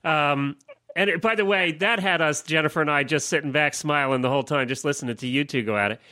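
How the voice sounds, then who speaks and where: A man's voice: on the high side, fast, sharp tone, no echo. A radio host chatting in a jovial way, laughing with his guests. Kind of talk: casual radio chat.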